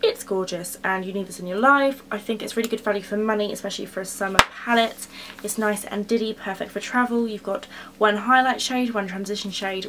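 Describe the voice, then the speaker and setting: A woman's voice: mid-range voice, a bit bright, a little hiss or hum. A twenty-year-old woman chatting casually and gushing as she reviews her favourite beauty products. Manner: bubbly, rambling and gushing. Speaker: beauty vlogger. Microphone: camera mic.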